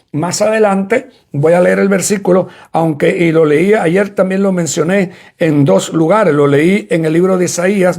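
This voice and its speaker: Preaching in a high-pitched, creaky voice with a darkish tone, this apostle from Cuba speaks straight to his audience. He explains each point and keeps repeating it.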